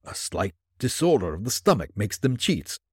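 A man's voice: fairly low pitch, big pitch swings, moderate pace, a little mellow, breathy edge, no echo, exaggerated voice. A man voicing a miserly old man who is wry yet frightened, with dry, clipped retorts that turn to pleading, in a storybook reading. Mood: wry, dismissive.

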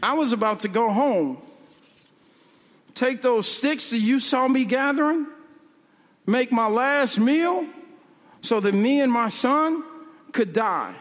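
A man's voice: very high-pitched, expressive, takes it slowly, long pauses, fairly bright tone, big-room sound, full character voice. A man doing a blunt, desperate widow. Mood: despairing. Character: poor desperate widow, woman, blunt and streetwise.

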